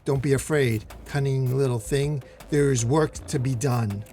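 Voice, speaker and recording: A man voicing the Infernal Hulk, a huge, ancient, menacing monster who talks in a slow, gloating growl. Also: medium pitch, dark tone, soft background music, close to an everyday voice.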